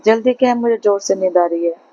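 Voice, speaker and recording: A woman voicing a gruff, short-tempered male demon woken from sleep in a storybook tale, on a slightly muffled recording. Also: mid-range voice, brisk, warm tone, no room sound, close to an everyday voice. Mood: grumpy.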